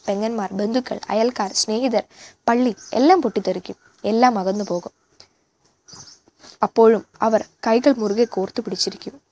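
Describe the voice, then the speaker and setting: A woman reading a literary novel aloud in a measured, expressive way. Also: mid-range voice. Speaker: audiobook reader.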